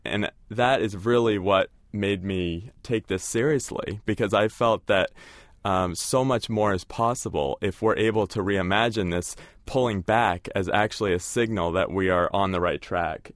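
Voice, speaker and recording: A man with a low voice who is a co-author and guest on a radio show. He reads a short passage from his book, then talks loosely, with plenty of fillers. The sound is dry and close. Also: normal speed, no room sound. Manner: casual, many fillers like you know and kind of. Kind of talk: reading from a book, then interview answers.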